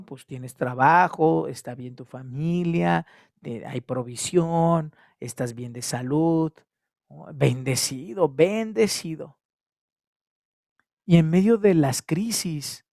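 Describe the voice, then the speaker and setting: A Mexican pastor preaches to his congregation, his fairly high-pitched voice swelling into loud exhortation before sinking back to near quiet. He circles back over the same phrases again and again. The sound is dry and close, with little room echo. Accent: Mexican Spanish. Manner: repetitive, swings between loud exhortation and hushed tones. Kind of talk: sermon. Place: church service.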